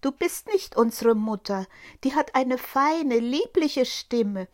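A woman voicing seven young goat kids in a fairy tale, in a high, childlike voice. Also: lively intonation, slow pace. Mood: wary insistent. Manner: high, bright childlike chorus voice.

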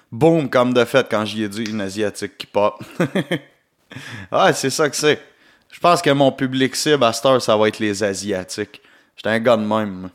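A young man with a Québécois French accent, hosting his own solo podcast in a rambling, joking way with plenty of filler and English words mixed in. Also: on the low side. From Quebec. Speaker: podcast host and comedian. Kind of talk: casual solo podcast monologue.

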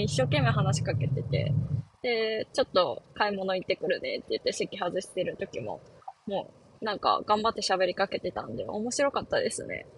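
A woman's voice: mid-range voice, a bit bright, a little hiss or hum, poor audio. A young woman hosting a casual solo talk show, chatting and laughing with many fillers. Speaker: podcast host.

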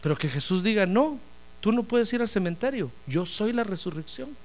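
A man preacher voicing Jesus as a patient, firm teacher who makes slow, emphatic declarations. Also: high voice, expressive, a little mellow.

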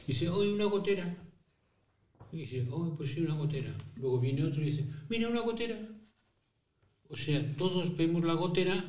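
A man's voice: medium pitch, darkish tone, lightly acted. A man playing an old male priest who founded schools for poor children, telling his story in first person with rhetorical questions and little acted-out dialogues. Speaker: interviewee in character. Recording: roomy echo, voice from a distance.

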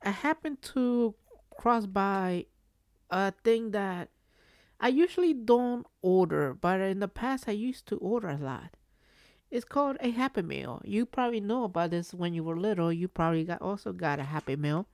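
A woman's voice: mid-range voice, lively intonation, normal speed, a little mellow, no room sound, clean studio sound. A woman hosting a solo podcast, telling stories casually in a rambling way that circles back and repeats phrases. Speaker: podcast host.

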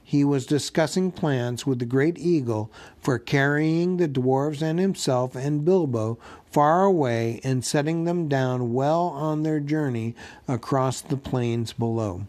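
A man narrating a storybook aloud, slow and deliberate, giving each phrase room. His voice sits at an everyday middle pitch, and his reading is gently expressive without rushing. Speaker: audiobook narrator.

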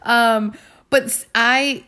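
A woman's voice: on the high side, steady tone, very slow, bright, forceful tone. A woman co-hosting a podcast, chatting casually as a bubbly, giggly, rambling storyteller. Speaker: podcast co-host. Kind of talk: casual chat.

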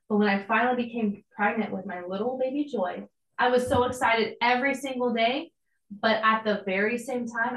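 Woman, 30s, mid pitch, relaxed devotional talk, echoey room sound. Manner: conversational, earnest, uses casual asides. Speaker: podcast host and church planter.

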